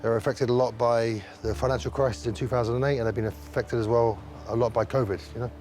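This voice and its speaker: A male officer talking informally in an unscripted interview, halting and repeating phrases as he goes. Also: medium pitch, fairly even intonation, a little mellow.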